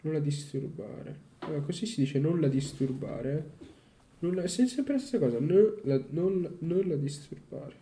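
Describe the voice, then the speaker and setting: Dark-voiced man, halting and frustrated. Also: a little high, lively intonation, a little hiss or hum. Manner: halting, repeats syllables, swears in frustration. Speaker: language learner. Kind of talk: casual self-study vlog, reading aloud.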